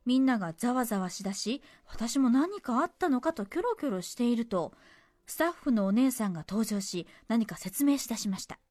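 A woman co-hosting a radio show, reading a letter aloud and then chatting, expressive and quick to laugh. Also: a little high, dry recording. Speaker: radio co-host reading listener mail.

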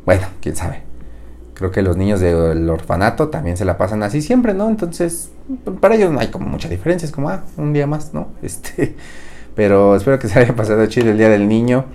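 A man's voice: fairly low pitch, fairly quick, warm tone. A young man with a Mexican Spanish accent hosting a podcast, telling rambling comic stories in slang and laughing at his own jokes. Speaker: podcast host. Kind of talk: casual comedic monologue.

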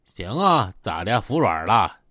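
A man puts on a blunt, threatening young gang boss with a Northeastern Mandarin accent. He swears freely and his pitch swings widely. The sound is dry and close. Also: sing-song, unhurried, pushed and bright, no echo, exaggerated voice. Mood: menacing.

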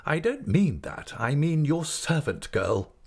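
A man's voice: fairly high pitch, very animated, slow pace, slightly rough, pitched above the performer's own voice, heavily acted. A man voicing a brusque, imperious older woman in an audiobook, speaking in emphatic, peremptory declarations. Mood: indignant. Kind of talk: audiobook character voice.

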